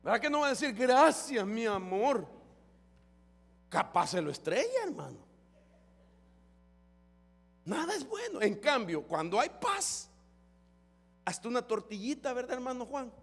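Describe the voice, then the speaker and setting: A man's voice: very high-pitched, wildly swooping pitch, moderate pace, creaky, long pauses, fairly bright tone, breathy edge, soft background music. A man preaching a fervent sermon as pastor, often calling his listeners brother. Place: church hall. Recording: long church hall reverb.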